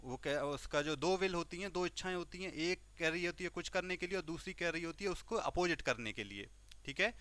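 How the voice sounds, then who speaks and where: In a dry recording, a man with an Indian accent and a fairly quick, higher-pitched voice teaches homeopathy through an acted story. He's animated, acts out the characters, talks in short bursts and keeps repeating "okay" in this storytelling lecture.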